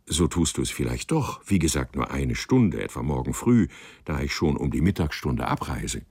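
A man's voice: extremely low pitch, sing-song, normal speed, a little mellow, husky, dry recording, full character voice. A man voicing a genial, condescending aristocratic governor in a read-aloud story. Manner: friendly, enthusiastic, patronizing.

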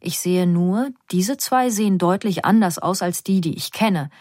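A woman's voice: unhurried, mellow, no echo. Woman narrating a novel, dry close sound. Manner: reads character quotes with slightly raised pitch. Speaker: audiobook narrator. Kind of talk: literary narration in first person.

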